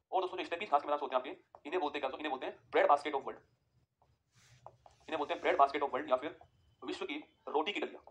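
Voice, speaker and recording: A man's voice: a little high, a bit bright. A man teaching a live online geography class, dictating notes and asking his students again and again whether they follow. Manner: repetitive, keeps asking "ठीक है?"; addresses students as friends, gives dictation.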